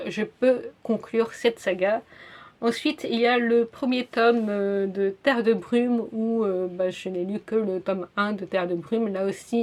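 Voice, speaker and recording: A woman's voice: medium pitch, a little mellow. A young woman chatting casually in a book review vlog, with frequent fillers and self-corrections. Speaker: book YouTuber.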